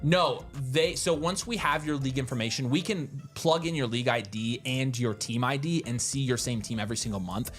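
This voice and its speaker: A man co-hosting a casual livestream, chatting excitably with quick asides and frequent restarts. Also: medium pitch, faint music behind. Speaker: livestream co-host.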